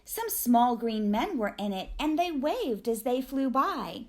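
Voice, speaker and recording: A woman reading a rhyming children's storybook aloud in an expressive, deliberate storytelling manner. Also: fairly high pitch. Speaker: teacher reading a picture book aloud.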